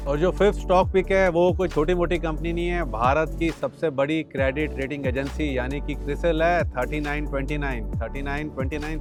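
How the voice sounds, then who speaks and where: Chatty male market analyst, higher voice. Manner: chatty, calls viewers "bhaiya", drops English phrases in; explains with everyday comparisons. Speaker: stock market analyst and channel host. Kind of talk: casual market commentary to viewers. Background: background music.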